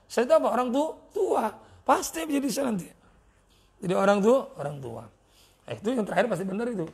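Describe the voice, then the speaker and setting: Young guy preaching, high gravelly voice, acts out the dialogue. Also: brisk. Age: young adult. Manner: animated storytelling, acts out dialogue, asks audience questions. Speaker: preacher teaching at an Islamic boarding school. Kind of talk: casual sermon lesson.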